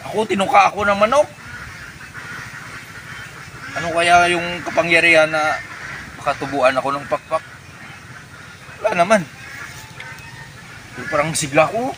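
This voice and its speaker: A man playing a naive, excitable would-be superhero in a comedy skit, thinking aloud in melodramatic exclamations. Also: a little high, moderate pace, pauses often, close to an everyday voice. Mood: puzzled, curious. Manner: exclamatory, melodramatic self-talk with villain-like laughing. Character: excitable naive man turning superhero after a chicken peck. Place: outdoors. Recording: noisy outdoor recording with vehicle sounds.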